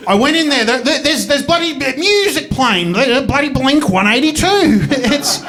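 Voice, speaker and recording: A man's voice: very high-pitched, lively intonation, normal speed, fairly bright tone. A man in his thirties with an Australian accent, telling a rambling, self-deprecating stand-up story and swearing freely on stage. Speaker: stand-up comedian. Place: comedy stage before a live audience.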